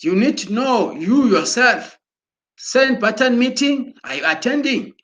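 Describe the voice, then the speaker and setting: A man giving an excited promotional talk, exhorting listeners and often restarting his words as he goes. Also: very high-pitched, unhurried. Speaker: broadcaster.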